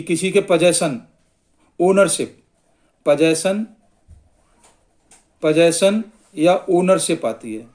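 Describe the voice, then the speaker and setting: Slow-paced man teaching grammar. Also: fairly high pitch, a little mellow. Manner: slow, repetitive explaining, mixes English terms into Hindi. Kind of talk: whiteboard grammar lesson.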